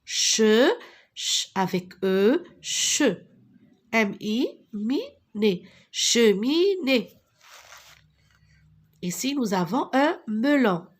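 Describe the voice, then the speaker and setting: Slow, lively-voiced woman teaching reading. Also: fairly high pitch. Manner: slow, syllable-by-syllable spelling and repetition. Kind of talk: reading lesson for young children.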